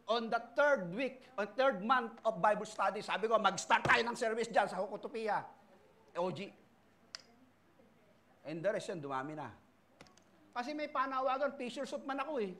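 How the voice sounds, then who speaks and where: A middle-aged Filipino pastor preaches to his church, mixing personal testimony with lively, acted-out voices. His voice sits high for a man, and he swings between loud outbursts and quiet asides. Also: moderate pace, pauses often. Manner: animated storytelling, acting out voices and shouting lines. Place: church service.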